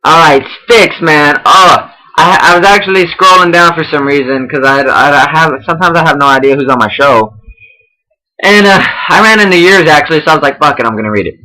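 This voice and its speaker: A man's voice: fairly high pitch, fairly quick, sharp tone, rough recording. A young man giving casual spoken feedback, rambling and profane with many restarts. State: out of breath. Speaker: online wrestling roleplay host giving feedback.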